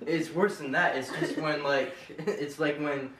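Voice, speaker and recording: A man's voice: on the high side, steady tone, a little slow, noisy background, lightly acted. A man playing a mopey young guy mourning a friend, bantering and joking indoors. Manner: joking, giggly, rambling banter. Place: indoor room. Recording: echoey room, camera far off.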